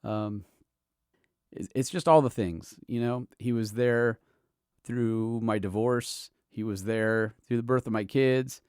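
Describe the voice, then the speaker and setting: A middle-aged man and podcast host, from Southern California, sharing fond, halting memories in a personal tribute, with soft laughs between thoughts. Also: medium pitch, fairly even intonation, clear, resonant tone, dry recording, clean studio sound. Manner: halting, tender, fond laughs while reminiscing. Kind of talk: personal tribute, emotional storytelling.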